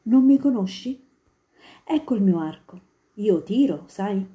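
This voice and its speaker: A woman reading a storybook and voicing a cheeky, mischievous little boy in a high, teasing tone. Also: animated, unhurried, mellow, lightly acted. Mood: playful.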